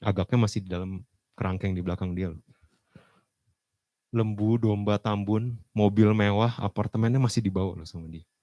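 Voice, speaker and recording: A male pastor preaching casually, dropping English phrases into slang and jumping to loud emphasis. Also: lowish voice, moderate pace, long pauses, dry recording, muffled recording. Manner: lively, with sudden loud emphasis. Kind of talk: sermon.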